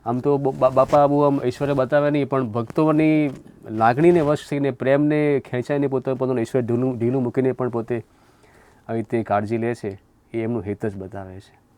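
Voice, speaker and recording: A man, a monk, talks about devotion in a calm, measured way. His voice sits at an ordinary middle pitch, and his sentences trail off softly. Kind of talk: reflective spiritual talk.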